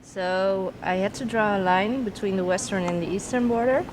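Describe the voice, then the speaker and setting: A woman's voice: mid-range voice, normal speed, background noise. Woman answering with a self-deprecating laugh. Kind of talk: casual interview answers.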